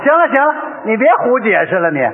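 A man's voice: very high voice, very animated, fast. A man as the straight man in crosstalk comedy, giving short prompting replies with mock indignation. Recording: old tinny radio broadcast with long reverb.

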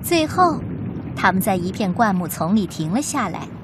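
A woman storyteller reading a children's picture book aloud in an expressive way. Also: mid-range voice, moderate pace, noisy background.

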